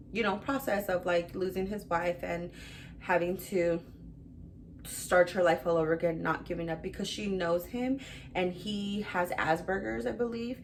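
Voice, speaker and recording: A woman's voice: on the low side, slight background noise. A young woman reviewing books in a casual vlog, chatty and rambling, full of fillers and gushing about what she read. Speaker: book reviewer.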